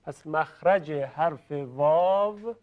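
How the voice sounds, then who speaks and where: A fairly high-pitched man from Iran leads a recitation lesson. He patiently models each sound and has his viewers repeat it. The recording is dull and lo-fi. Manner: patient, demonstrates pronunciations, asks viewers to repeat. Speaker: Quran recitation teacher. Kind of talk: classroom-style lesson.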